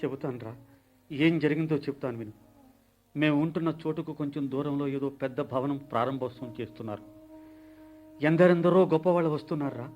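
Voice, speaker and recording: A man voicing a grieving older father in a radio play, slightly high-voiced. He talks in a sorrowful, weary way. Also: fairly quick, long pauses, lo-fi sound, natural voice. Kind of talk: radio drama acting.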